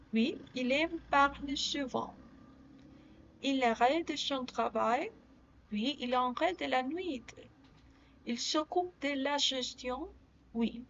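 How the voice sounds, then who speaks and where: A woman's voice: high-pitched, lo-fi sound, a little hiss or hum. A woman reading French grammar drills, giving each example sentence and then its answer.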